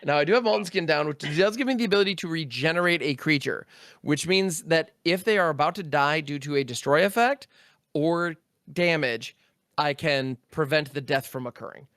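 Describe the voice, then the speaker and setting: Smooth, methodical card-game man. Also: on the high side, fairly quick, fairly bright tone, no room sound, studio quality. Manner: methodical, counts aloud, sound-effect interjections. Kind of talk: casual play-by-play of his own turn.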